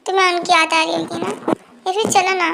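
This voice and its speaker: A weepy, apologetic young husband, as an amateur dubber puts him on in a homemade fan-fiction dub. The voice sits extremely high with a gravelly, creaky edge, and the lines come in stammering, tearful apologies. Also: level tone, a little fast, background noise. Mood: pleading.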